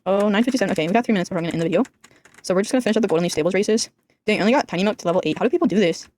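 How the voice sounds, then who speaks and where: Rapid, rambling teenage girl. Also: medium pitch, a little hiss or hum. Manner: rambling, flat monotone delivery, says "like" constantly. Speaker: gaming YouTuber. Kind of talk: casual commentary over gameplay.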